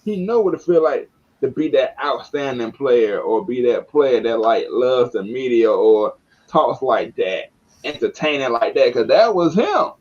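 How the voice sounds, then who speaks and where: An excitable man with a Southern American accent talks sports in loose, slangy banter. His voice swings up and down, full of energy. The audio is a little dull and lo-fi. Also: mid-range voice, unhurried. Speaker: sports talk show host. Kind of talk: casual sports chat.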